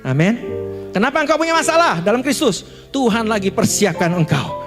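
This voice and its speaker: A man preaching a sermon as pastor, in a lively, joking way, often calling out to the congregation. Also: sits high, fairly quick. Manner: lively, jokey, calls out to the congregation. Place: church hall. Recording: long hall reverb with music behind.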